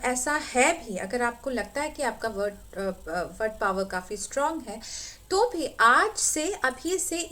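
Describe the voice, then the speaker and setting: A high-voiced woman teaches exam strategies, mixing Hindi and English. She explains each point step by step, pausing on fillers and checking in with her students. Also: a bit bright. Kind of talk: exam-prep lesson in mixed Hindi and English.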